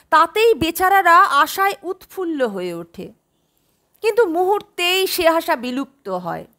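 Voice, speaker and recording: Rich: A woman reading a suspense story aloud with expressive storytelling. Her voice sits very high and moves a lot, slow and bright. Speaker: narrator. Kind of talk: scripted audiobook narration.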